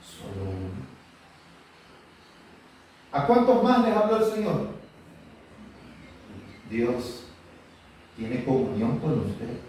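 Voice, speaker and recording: A man's voice: fairly high pitch, big pitch swings, takes it slowly, long pauses, darkish tone. A man preaching a sermon, fervently calling out to the congregation with questions. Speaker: pastor. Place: church hall. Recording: echoey church hall, distant mic, faint hiss.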